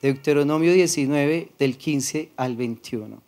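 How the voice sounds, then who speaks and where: A male pastor with a Paisa Colombian accent, preaching in a soft-spoken, conversational way. His voice sits a little high for a man, and he acts out short exchanges with his listeners instead of shouting. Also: unhurried. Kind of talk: sermon.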